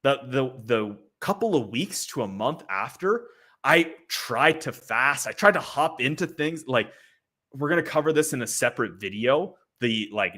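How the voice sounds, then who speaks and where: Bright-voiced man chatting on a livestream. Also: mid-range voice. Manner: chatty, frequent "like" fillers and laughing asides. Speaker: livestream host. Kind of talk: casual livestream commentary. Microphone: streaming setup.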